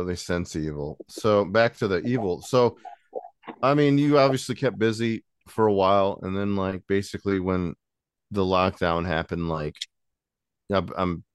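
A man hosting a podcast, asking questions in a relaxed, blunt way with casual swearing. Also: low voice, clear, resonant tone, dry recording, clean studio sound. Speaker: podcast host. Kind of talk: casual interview chat.

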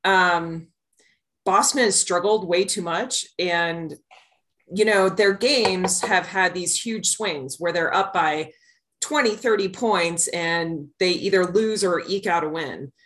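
A woman with a slightly low voice, speaking as a podcast co-host. She talks sports casually, laying out her opinions in a measured, informal manner. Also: fairly bright tone. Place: podcast studio.

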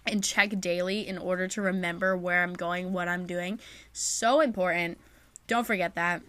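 A young woman talks straight into a close mic in a casual, chatty advice episode. Her pitch sits in the middle and she fills her talk with "like" and "you know". The sound is dry, with no room around it. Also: a bit bright, no room sound. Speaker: podcast host.

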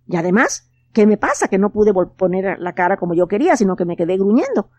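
A woman's voice: medium pitch, big pitch swings, fast, a little mellow, dry recording. A woman voicing a grumpy, hot-tempered young boy in a storybook, sulky and whiny. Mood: worried.

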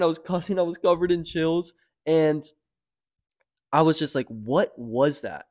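Young American man, podcast guest, casual storyteller; dry close mic, gets animated and loud at the peaks. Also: dry recording. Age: young adult. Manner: animated, rising to near-shouting at high points, lots of "like" and "dude".

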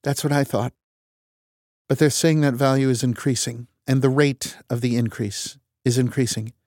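A man voicing a glum, weary woman government scientist in her forties, in a flat, reluctant delivery. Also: medium pitch, normal speed, no room sound, studio quality, pitched above the performer's own voice, natural voice. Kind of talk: audiobook character voice.

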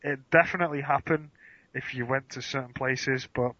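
A man's voice: mid-range voice, steady tone, fairly quick, sharp tone, dry recording. A young man with an English accent, chatting easily as a podcast guest and laughing often. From England. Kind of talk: casual chat. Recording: dry, muffled lo-fi audio.

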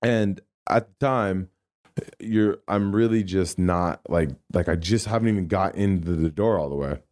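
A man co-hosting a podcast, telling a story in a rambling, animated way with lots of fillers. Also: low voice, normal speed. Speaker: podcast co-host. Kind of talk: casual storytelling chat.

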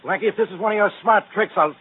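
A man acting a gruff, exasperated and suspicious police inspector in a 1940s radio drama, impatient and blustering. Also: high-pitched, very fast, narrow, tinny audio. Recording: thin, scratchy old radio recording.

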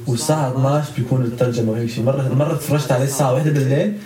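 A man's voice: mid-range voice, fairly even intonation, racing. A man in a casual chat who rambles and repeats words. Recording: echoey room with crowd chatter behind.

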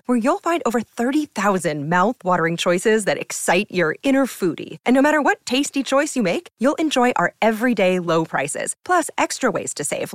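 A woman's voice: mid-range voice, dry recording, studio quality. Female ad announcer, cheerful commercial read. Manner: bright, upbeat selling. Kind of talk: scripted ad read.

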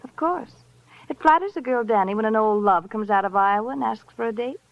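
Fairly high-pitched and quick, this natural-sounding woman plays a flirtatious, worldly fiancée in a 1950s radio crime drama, languid, knowing, coy and sardonic. The dry recording has a dull vintage radio quality.

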